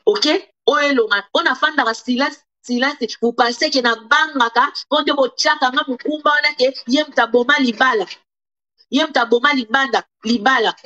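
Indignant high-voiced woman. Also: normal speed, bright, forceful tone. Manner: indignant, switching between Lingala and French. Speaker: YouTuber. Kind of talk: direct-to-camera commentary. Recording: dull lo-fi recording.

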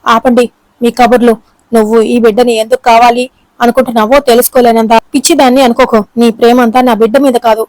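A woman's voice: a little high, little pitch movement, quick pace, dry recording, natural voice, low-quality recording. A woman reading a scornful selfish young wife. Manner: sharp, contemptuous.

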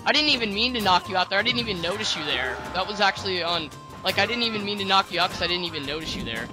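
Rambling man with a high voice. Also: expressive, very fast, poor audio. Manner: rambling, self-correcting. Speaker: guest player. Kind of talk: casual gameplay chat. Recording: game music playing underneath.

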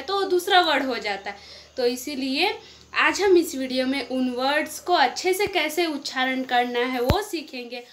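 A woman teaching a language lesson, repeating each word slowly so learners catch the pronunciation. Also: high-pitched, a bit bright.

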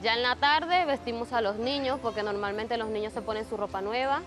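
A young Venezuelan woman, a migrant mother, speaking plainly and with feeling in a halting street interview in an outdoor shelter. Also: fairly high pitch, over music.

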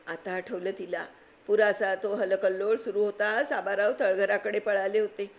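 A woman giving an expressive, vivid reading of a story aloud. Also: a little high, gravelly. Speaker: story reader.

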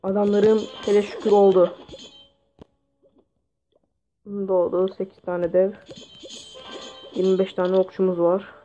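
A man with a sore throat giving excitable gameplay commentary, swearing at the game as he plays. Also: high-pitched, slow, long pauses, soft background music. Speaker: gaming channel host. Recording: dull lo-fi mic with faint hiss.

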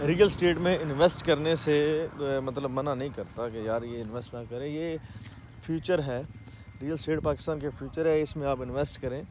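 Punjabi-accented guy in his 30s vlogging on a walk, mellow dark voice, faint outdoor hum behind. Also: medium pitch. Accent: Pakistani Punjabi. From Pakistan. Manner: chatty, explaining as he walks. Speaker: real estate vlogger. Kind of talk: walking vlog with commentary. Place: outdoors in open farm fields. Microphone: phone camera held at arm's length.

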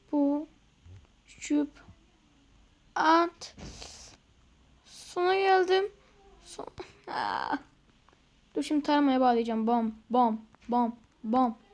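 High-voiced young woman narrating gameplay. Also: darkish tone. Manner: frustrated muttering, playful sound effects. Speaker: gaming video creator. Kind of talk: casual gameplay commentary.

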